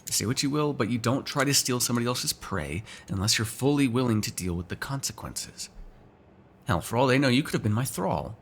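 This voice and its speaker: Brisk and expressive, this mid-range male voice plays a teasing, sardonic vampire with a filthy mouth in an ASMR roleplay. He speaks casually to one listener, full of sarcasm and free with the swearing.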